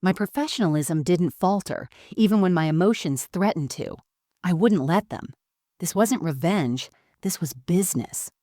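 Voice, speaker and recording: A woman tells a first-person story with calm, measured composure. Her voice sits on the low side and sounds dry and close, with no room around it. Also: dry recording.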